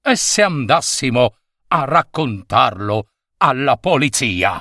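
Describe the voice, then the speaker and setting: A mild middle-aged professor answers with slow, wry irony, as a man puts him on. The voice sits lower and softer than the narrator's own. It is recorded close and dry. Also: sing-song, no echo, full character voice.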